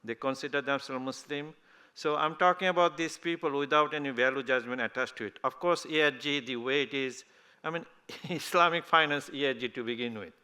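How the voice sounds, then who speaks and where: A man's voice: mid-range voice, brisk, sharp tone, clean tone. A man moderating a conference panel, talking in a loose, rambling way and laughing easily.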